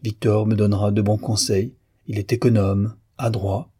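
A man's voice: on the low side, little pitch movement, normal speed, breathy edge. A man voicing a proud, clever young violinist. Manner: polite, confident, quietly proud.

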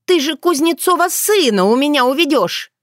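A woman voicing a brash, jealous young village girl who talks in a shrill, squabbling way. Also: expressive, normal speed, fairly bright tone, no room sound, clean studio sound. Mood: pleading. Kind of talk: audiobook character voice.

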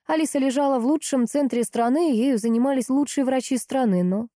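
A woman narrating an audiobook in a steady, measured storytelling manner. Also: high voice, no echo, studio quality. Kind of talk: scripted narration.

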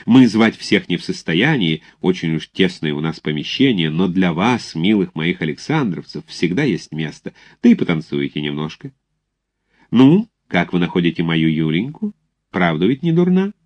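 A man voicing a flattering middle-aged society mother with an affected, gushing politeness, in a read-aloud story. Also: sits low, normal speed. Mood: gracious.

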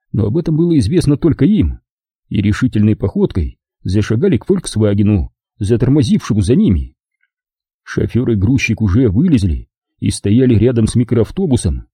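Husky, dark-voiced male narrator. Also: lowish voice, no echo, clean studio sound. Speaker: audiobook reader. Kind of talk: scripted narration.

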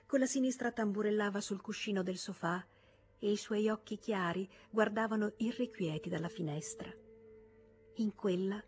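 A woman reading a classic novel aloud as an audiobook narrator, in a measured, even storytelling manner. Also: mid-range voice, faint music behind. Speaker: audiobook reader.

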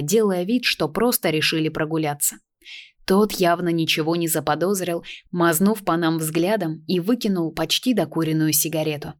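A woman reads a novel aloud as an audiobook. Her slightly low voice stays lively and expressive as she moves through the story. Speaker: narrator. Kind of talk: audiobook narration.

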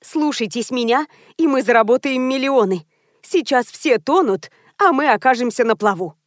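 A bossy, scheming publicist who pushes her plan with brisk confidence, as a woman narrator puts her on. The voice sits fairly high, and the audiobook recording is dry and close. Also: expressive, no echo.

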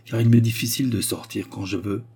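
A man's voice: fairly low pitch, steady tone, fairly quick, gravelly, darkish tone, breathy edge. A man voicing a young noble grand duchess, earnest and anxious, speaking with a raised, emotional voice.

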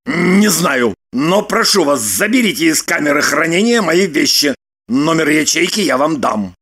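A woman reader voicing Roman, a hungover man who talks in a gruff mutter. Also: sits low, lively intonation, a little slow, fairly bright tone, exaggerated voice. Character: hungover grumbling middle-aged man. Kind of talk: audiobook character voice.

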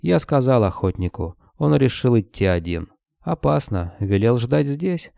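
A man voicing a calm, terse male rat creature who hisses and speaks in short clipped phrases. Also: medium pitch, unhurried, creaky, no room sound, studio quality, voice pushed up.

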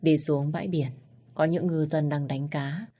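A woman telling a story as a measured, scripted narration. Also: low voice, fairly even intonation, warm tone. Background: faint music.

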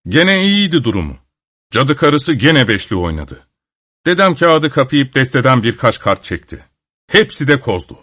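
A man reads a folk tale aloud with an expressive, storybook delivery. His voice sits in a middle pitch but swings widely as he tells it. The sound is close and dry, with no room around it. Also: no echo. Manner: lively, expressive reading. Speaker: narrator. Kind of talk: storybook narration.

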